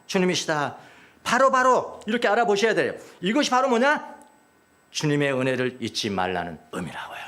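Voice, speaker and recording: A middle-aged male pastor preaching a sermon, emphatic and repetitive, dropping now and then to hushed asides. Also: high-pitched.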